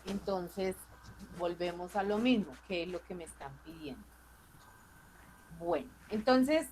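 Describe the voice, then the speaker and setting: A woman's voice: medium pitch, background noise. A woman teacher, walking a class through charts in a patient, question-checking way over a computer mic. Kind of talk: online class explaining spreadsheet charts.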